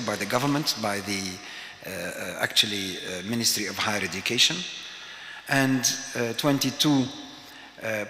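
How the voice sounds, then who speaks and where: A man from Egypt giving a conference talk, pausing often with "uh" fillers as he speaks. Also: fairly low pitch, pushed and bright. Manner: hesitant, many "uh" fillers. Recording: hall with long reverb.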